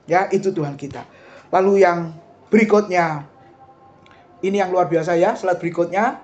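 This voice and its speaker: A middle-aged man with an Indonesian accent preaching a sermon, lively and chatty, often asking the congregation questions. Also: high voice, moderate pace, highs cut off. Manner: lively, talks straight to the congregation with asides and questions.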